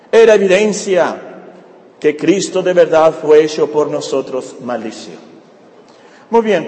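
A man preaching a sermon to a congregation, animated and often asking them questions. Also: high voice. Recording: echoey hall with long reverb.

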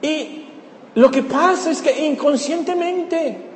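A male pastor with a high voice delivers an emphatic sermon, hammering his key words by saying them again. His voice rings through a large, echoing hall with long reverb, over a faint room hum. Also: takes it slowly. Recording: roomy echoey hall with faint ambience.

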